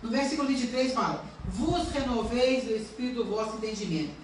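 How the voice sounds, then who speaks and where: A woman's voice: fairly high pitch, expressive, brisk, very echoey, a little hiss or hum. A woman pastor giving an earnest sermon and asking her congregation questions, recorded from a distance in a church. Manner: earnest preaching with rhetorical questions.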